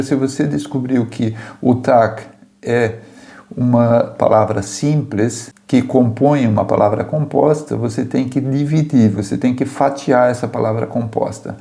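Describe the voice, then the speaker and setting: Teaching how German words are pronounced, this man repeats each one with patience, asking "tá?" and "certo?" along the way. His voice is medium in pitch, dark in tone and marked by vocal fry.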